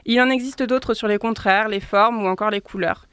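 A woman who works as a librarian, giving a clear, lively scripted presentation of children's books and apps. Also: medium pitch, moderate pace, dry recording, clean studio sound. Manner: clear, lively storytelling delivery.

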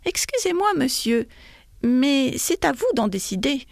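A woman voicing a polite male law clerk who answers his employer in a deferential, measured way. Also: sits high, very animated, vocal fry, dry recording, studio quality, voice pushed up, heavily acted.

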